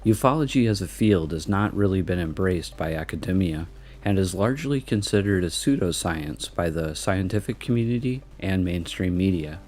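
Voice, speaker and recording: A man reading scripted documentary narration in a measured, even delivery. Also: sits low, a little hiss or hum. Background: faint music.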